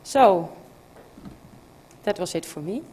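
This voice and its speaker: A woman's voice: fairly low pitch, animated, takes it slowly, heavy background noise. A woman giving an academic conference presentation, hesitant, with many filler sounds and restarts. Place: conference room.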